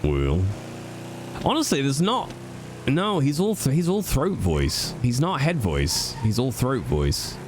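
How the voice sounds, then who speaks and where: This man talks slowly at a medium pitch that swoops wildly up and down, with background noise behind him. Congested from a cold, he's streaming a roleplay game and chatting loosely to viewers, rambling and swearing without restraint.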